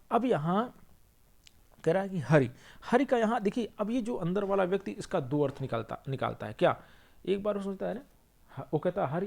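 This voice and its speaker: A young man teaching Hindi grammar in a lesson, who keeps asking the viewer questions and rereads each example slowly. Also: a little high, vocal fry, a little mellow. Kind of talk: classroom explanation of figures of speech.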